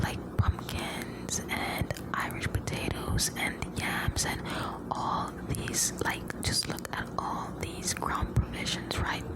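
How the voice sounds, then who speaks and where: A woman from the Caribbean whispering ASMR right up close to the microphone, rambling gently in short, broken phrases. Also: poor audio. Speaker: ASMR host.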